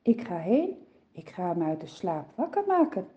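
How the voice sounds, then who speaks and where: A woman voicing Jesus as a calm, gentle, soft-spoken man in a storybook for children. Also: lowish voice, normal speed, lo-fi sound.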